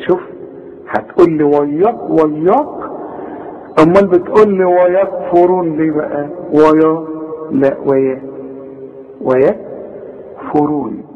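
Egyptian male tajweed teacher, fairly high voice, reverberant hall, muffled sound. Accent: Egyptian Arabic. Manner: explains quickly in colloquial speech, then recites words slowly and drawn out. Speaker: Quran recitation teacher. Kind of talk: tajweed lesson.

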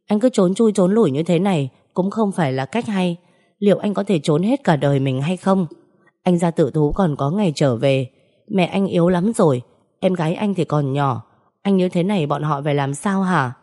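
A woman voicing a calm young woman who earnestly urges a friend to give himself up. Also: lowish voice, normal speed. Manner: earnest persuasion.

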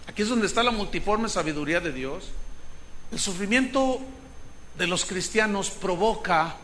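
A male pastor preaching a sermon with fervor, rising to shouts at its peaks. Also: sits high, a little hiss or hum.

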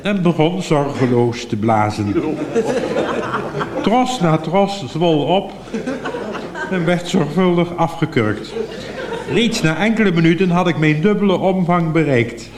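A man's voice: on the high side, lively intonation, unhurried, long pauses, crowd noise. A man telling a comic monologue in a droll, mock-formal way, heard on an echoey, noisy archive recording. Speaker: comic storyteller.

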